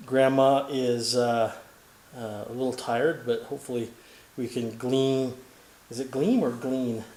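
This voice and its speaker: A man's voice: medium pitch, level tone, slow, darkish tone, roomy sound, low-quality recording. A man hosting a casual family interview, asking rambling questions and cracking small jokes. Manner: chatty, joking, rambling questions. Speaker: host, grandson interviewer.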